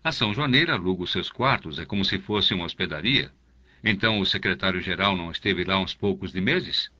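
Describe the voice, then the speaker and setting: A man's voice: sits low, a little fast, sharp tone, dull audio, exaggerated voice. A man voicing a pompous, self-satisfied older canon priest in an audiobook, speaking in a confidential, lingering way. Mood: dismissive. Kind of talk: audiobook character voice.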